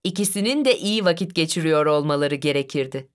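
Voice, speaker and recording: A woman reading a children's story aloud in a gentle, expressive storybook narration. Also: low-pitched, fairly quick.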